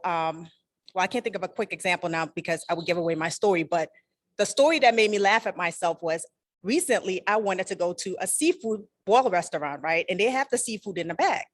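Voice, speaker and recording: A woman's voice: fairly low pitch, animated, fairly quick. A woman from Liberia, a first-time club member, telling a friendly conversational impromptu story.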